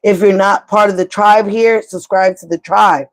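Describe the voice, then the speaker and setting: A middle-aged woman doing a live tarot reading. She talks to her viewers in a blunt, encouraging pep-talk way and drops casual swear words. Her pitch sits at an ordinary middle height for a woman. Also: fairly even intonation, normal speed. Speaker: tarot reader.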